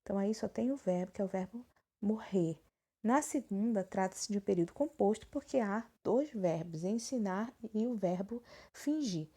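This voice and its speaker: A woman's voice: mid-range voice, lively intonation, normal speed, dark tone, slightly rough. A woman with a Brazilian Portuguese accent, teaching a recorded grammar lesson and checking in with her students often. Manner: explanatory, frequent check-ins with students. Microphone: phone screen recording.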